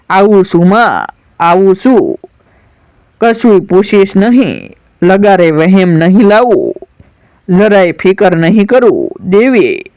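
A man's voice: high-pitched, a little mellow, smooth, dry recording, full character voice. A man voicing a grieving proud warrior son. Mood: yearning. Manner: solemn, pleading, declamatory. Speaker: storyteller. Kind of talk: dramatic storytelling recitation.

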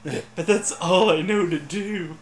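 A man's voice: sits high, slow pace, roomy sound, slight background noise. A man joking and mocking himself while playing a racing game in casual chat. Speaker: gameplay commentator.

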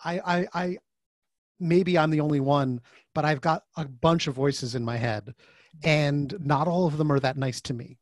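A slightly high-voiced man speaks at normal speed, with no echo, as a podcast guest on a video call. He works as an author and design facilitator and, in a casual conversational interview, animatedly acts out the voices of those he quotes in his stories.

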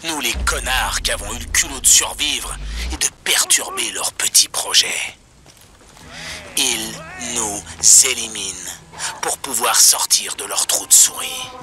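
A man's voice: medium pitch, very animated, unhurried, over music. A man playing a paranoid, conspiracy-minded pirate radio host, broadcasting grave and impassioned warnings straight to his listeners. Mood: angry warning.

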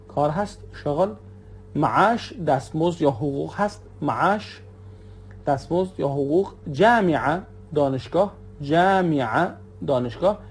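A man with an Iranian Persian accent teaching Arabic dialect words, repeating each word slowly and calling the viewers his friends. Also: on the high side, a little mellow, slightly rough. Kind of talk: vocabulary lesson with repetition.

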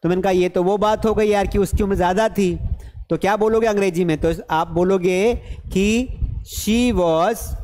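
Animated high-voiced young male teacher. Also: normal speed. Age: young adult. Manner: animated, mixes Hindi and English, jokes with viewers. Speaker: English teacher. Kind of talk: live online lesson, chatty. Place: classroom studio with blackboard. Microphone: headset mic.

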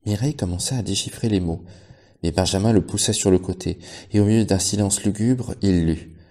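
A man with a very low voice reads a story aloud as a librarian would. His narration is steady and measured, taking the text at an even pace. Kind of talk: audiobook narration.

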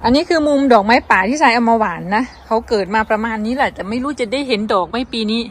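A woman's voice: on the high side, quick pace, a little hiss or hum. Chatty woman with an Isan Thai accent. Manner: chatty, addresses viewers as brothers and sisters. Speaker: vlogger. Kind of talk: casual vlog narration. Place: garden outdoors.

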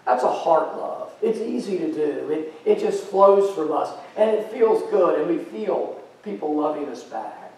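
A man's voice: on the high side, animated, measured pace, few pauses, mellow, distant mic. A middle-aged American man preaching a sermon as pastor, in a conversational, folksy way with fillers. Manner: paces and gestures while preaching. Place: church sanctuary stage. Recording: very echoey church from afar.

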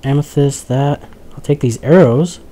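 A young man giving casual, chatty let's play commentary, joking with his viewers and reacting out loud as he plays. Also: mid-range voice, moderate pace. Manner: chatty, jokey, talks to the viewers, easily startled. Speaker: gaming commentator.

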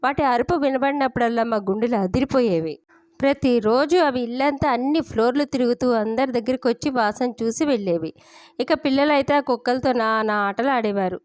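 A woman narrating a family story in the first person, with steady, unhurried storytelling. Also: fairly high pitch, no room sound.

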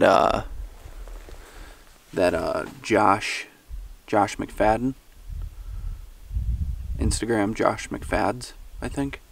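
A young man, a fishing vlogger, chats casually as he cleans and cooks fish outdoors beside a forest lake, thinking aloud with lots of fillers and self-deprecating asides. His voice is lowish and gravelly, with slight background noise. The audio comes from a camera mic, handheld and ground-mounted, recorded outdoors from a distance.

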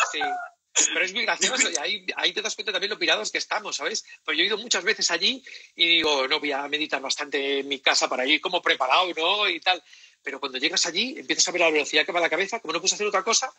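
A high, very bright and husky male voice. He chats casually as a guest comedian, telling stories animatedly, slipping into quoted voices and laughing along. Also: lively intonation, fast talker, poor audio. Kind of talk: casual chat on a live stream.

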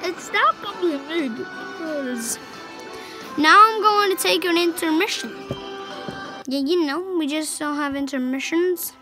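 A woman giving excitable let's play commentary over a game, yelping at scares and dropping into hushed whispers. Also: extremely high pitch, unhurried, rough recording. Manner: excitable, swings between yelps and hushed whispers. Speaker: gameplay commentator. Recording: game music playing clearly behind the voice.

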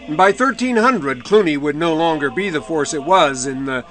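A man's voice: fairly high pitch, expressive, normal speed, fairly bright tone. A man giving a recorded history lecture, explaining in a conversational way with dry asides and occasional mid-word self-corrections.

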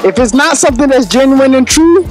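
High-voiced playful young male street host. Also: animated, fairly quick, over music, crowd noise. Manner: playful, teasing questions. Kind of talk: casual street interview. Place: outdoors on a street. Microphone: handheld mic.

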